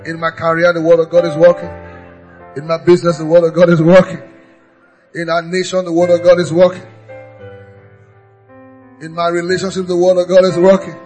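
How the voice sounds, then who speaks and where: This male pastor's voice sits a little high with a darkish tone. His sermon urges the congregation on, guiding them through repeated call-and-response declarations punctuated by many hallelujahs.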